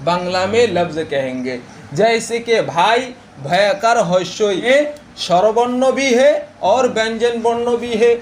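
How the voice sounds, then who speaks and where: A man teaching a religious grammar lesson. He talks slowly, repeats the key terms and keeps asking his students questions. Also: high-pitched, lively intonation, a little hiss or hum. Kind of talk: classroom lesson on Arabic grammar.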